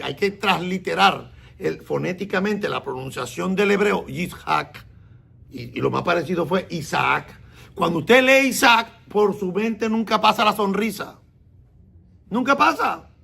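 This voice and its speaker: A man's voice: sits high, gravelly, sharp tone, slightly rough. A man, a messianic rabbi, teaching a sermon and questioning the congregation as he explains. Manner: explains slowly and repeats words, asks the congregation questions.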